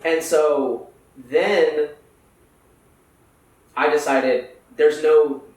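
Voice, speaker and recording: A man's voice: fairly high pitch, fairly even intonation, drawn-out words. A young man from Houston, a podcast guest, talking in a laid-back, slangy way with lots of fillers. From Houston, United States. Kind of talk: casual interview chat. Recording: echoey room, far from the mic, faint noise.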